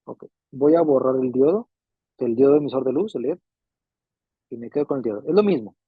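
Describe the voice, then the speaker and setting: Husky male instructor, tinny sound. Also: mid-range voice, lively intonation, brisk, dry recording. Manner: patient, repeats points and checks understanding. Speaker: refrigeration electronics instructor. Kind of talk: classroom lecture. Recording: tinny phone-like dry sound.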